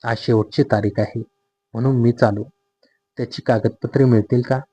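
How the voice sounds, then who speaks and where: Brief: a man as a courteous young college friend in an audio story, dark husky voice. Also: mid-range voice, steady tone, moderate pace, no echo, lightly acted. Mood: polite.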